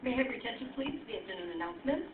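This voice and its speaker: A woman's voice: on the high side, lively intonation, racing. Woman reading announcements over a tinny intercom. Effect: over the school intercom. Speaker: school announcer. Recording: tinny echoey loudspeaker in classroom.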